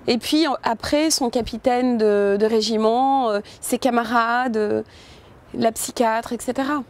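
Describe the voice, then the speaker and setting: A woman's voice: fairly high pitch, unhurried, darkish tone, a little hiss or hum. A woman film director talking in an interview, thoughtful and informal, with frequent hesitations and restarts. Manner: informal, addresses listener with "tu vois". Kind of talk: interview about her film.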